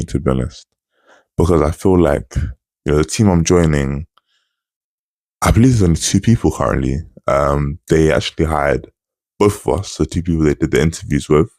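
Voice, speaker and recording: A man's voice: rumbling low, normal speed, pauses often, darkish tone, no room sound. A man in his twenties giving a casual vlog update, talking with a lisp from wearing retainers, in a hesitant, rambling way that repeats phrases. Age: 20s. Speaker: vlogger.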